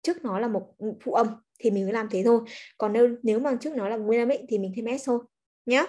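A woman's voice: a little high, quick pace, darkish tone. A woman English teacher, giving a chatty livestreamed grammar lesson and coaxing students with frequent check-ins. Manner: chatty, coaxing, peppers speech with "ok" and "nhá".

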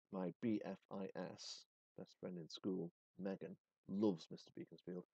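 A man's voice: low-pitched, warm tone, dry recording, muffled recording. A male teacher reading a story aloud expressively, then setting a task casually with fillers.

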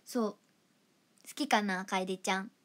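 A young woman hosting a casual livestream, chatting warmly with fans and reading their comments, sometimes dropping to a soft whisper. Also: medium pitch, fairly even intonation, a little slow. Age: young adult. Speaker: idol livestream host.

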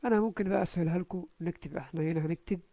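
A man with an Egyptian Arabic accent teaching a language lesson, patiently repeating syllables aloud and slowly spelling out words. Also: high-pitched, vocal fry, warm tone, no echo, highs cut off.

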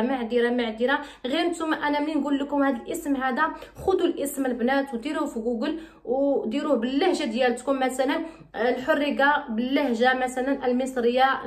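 A woman's voice: high-pitched, roomy sound. A woman from Morocco with a Moroccan Arabic accent, chatting bubbly and repetitive in a beauty vlog. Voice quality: bubbly, chatty, repeats herself. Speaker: beauty vlogger. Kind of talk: casual vlog chat and recipe explanation.

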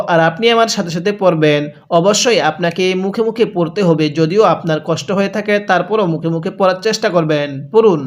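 A man teaching Quran reading, spelling out each letter and then drawling whole phrases slowly for learners to repeat. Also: high voice. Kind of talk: step-by-step recitation lesson.

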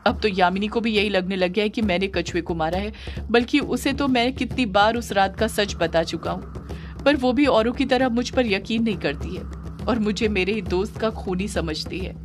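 A woman's voice: mid-range voice, normal speed, a little hiss or hum, close to an everyday voice. Woman voicing a grieving young man. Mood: sorrowful. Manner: sorrowful inner monologue, quiet.

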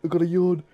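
A man commentating his own video game playthrough, swearing freely and bursting into excitable outbursts. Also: high-pitched, highs cut off. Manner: profane, excitable, laughing at himself. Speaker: gaming channel host. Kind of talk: let's play commentary.

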